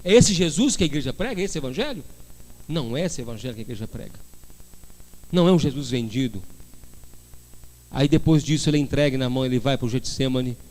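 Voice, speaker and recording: A man's voice: medium pitch, animated, fast talker, pauses often, darkish tone. A male pastor preaching a sermon, firing rhetorical questions and rising into fervent bursts.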